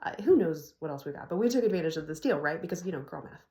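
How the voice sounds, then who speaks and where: A woman's voice: low-pitched, lively intonation, quick pace, dark tone, reverberant. A middle-aged woman casually telling a personal story to her phone camera, laughing often as she talks. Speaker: vlogger. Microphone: phone propped on an ironing board.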